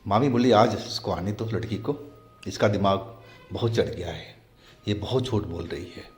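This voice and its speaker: A man narrating a true-story horror tale in a slow, measured retelling. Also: low-pitched. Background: faint background music.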